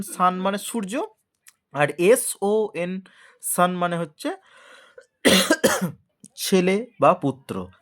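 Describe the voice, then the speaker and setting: A man tutoring English grammar in a video lesson, who explains step by step, keeps checking that his listeners follow, and reads example sentences slowly and deliberately. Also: on the high side. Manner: explains slowly, often checks understanding with a question.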